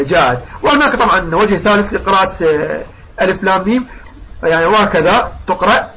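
A man's voice: high-pitched, highs cut off, slight background noise. A man teaching Quran recitation rules, explaining patiently, repeating points and drawing out the recited examples. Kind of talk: recitation lesson.

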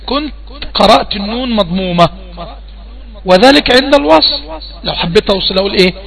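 Using a high, somewhat bright voice and an Egyptian accent, this online teacher tests his student on the rules of Quran recitation. He asks his questions again and again to coax out the answers.

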